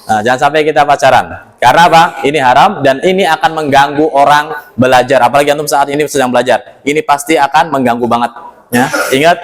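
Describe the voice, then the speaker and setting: A man teaching a class in a somewhat high voice. He is lively and keeps throwing questions at his students. He peppers his lesson with religious exclamations and gentle jokes. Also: low-quality recording.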